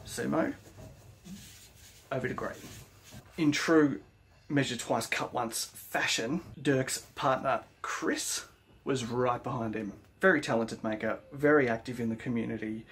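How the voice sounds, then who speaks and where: Brief: Aussie bloke vlogging about his workshop, mid-pitched, keen and matey. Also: a little slow, a bit bright. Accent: Australian. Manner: enthusiastic, slangy praise for fellow makers. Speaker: woodworking vlogger. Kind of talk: casual vlog narration.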